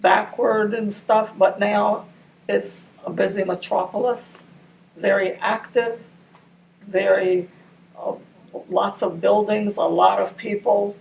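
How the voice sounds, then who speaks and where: Taking her time, an older woman from Ramallah shares childhood memories in an oral history interview; Arabic is her first language. Her medium pitch stays steady, slightly mellow, with vocal fry, and the distant mic picks up faint noise.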